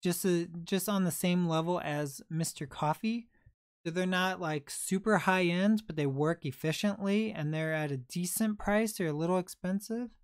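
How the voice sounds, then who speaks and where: A man's voice: high voice, normal speed, clean tone, no echo, clean studio sound. A man in his twenties hosting a casual livestream, chatting and answering viewer comments as they come in. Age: 20s. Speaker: livestream host and reseller.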